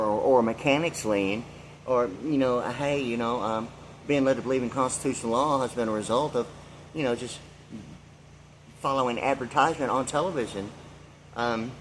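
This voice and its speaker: This low-quality recording, with slight background noise, captures a sixty-something male vlogger speaking in a mid-range voice. His monologue meanders and free-associates, full of fillers and loose side remarks.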